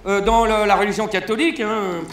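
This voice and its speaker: A male stand-up comedian on a concert hall stage, telling crude, mocking stories in an animated way. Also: sits high, a little fast, slight background noise. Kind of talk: satirical stand-up press review. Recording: roomy live hall sound.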